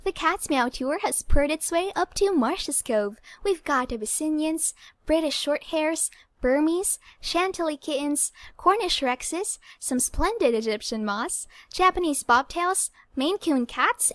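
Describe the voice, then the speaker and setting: A woman voicing a cheery female cat-show ad announcer in a small, high-pitched voice. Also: lively intonation, unhurried, dry recording. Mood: upbeat.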